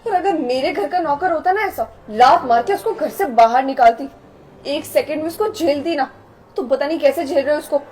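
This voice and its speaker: A haughty young woman, played by an actress, who scolds and sneers at the poor in a shrill, very high voice. She speaks in a melodramatic web skit style, with faint music under her lines. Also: moderate pace, a little mellow, natural voice. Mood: scornful. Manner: scolding, contemptuous, shrill outbursts. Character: snobbish, scornful young woman, rude to the poor. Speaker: actor in a short skit.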